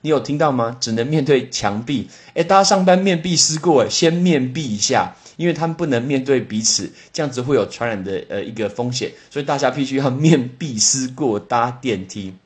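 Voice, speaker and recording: A man's voice: mid-range voice, expressive, fairly quick, few pauses. Man, Taiwanese Mandarin accent, podcast host, casual vocabulary lesson, exclamatory, spells words aloud, mid-range voice. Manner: chatty and exclamatory, spells out English words letter by letter.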